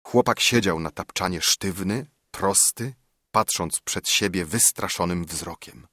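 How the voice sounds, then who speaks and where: Slow, husky male storyteller. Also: sits low, dry recording, studio quality. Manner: measured, expressive storytelling. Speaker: narrator. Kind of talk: scripted literary narration.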